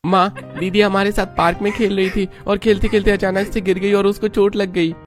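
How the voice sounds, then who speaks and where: A man doing squeaky cartoon little boys. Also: little pitch movement, brisk, soft background music, lightly acted. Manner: taunting, high-pitched childish voice. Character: three mischievous little boys, the brothers.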